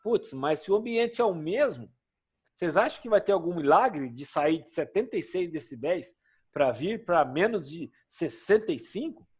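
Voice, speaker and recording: Lively-voiced male teacher lecturing. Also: fairly high pitch, moderate pace, husky. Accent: Brazilian Portuguese. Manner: conversational, asks students questions. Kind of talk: classroom lecture.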